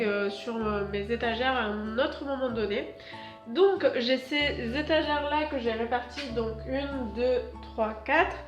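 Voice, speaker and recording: A woman's voice: a little high, lo-fi sound. A woman standing by her bookshelves, chatting casually in a home vlog with lots of hesitations and fillers. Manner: moves about while talking, standing. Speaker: booktuber. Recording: echoey room with faint background music.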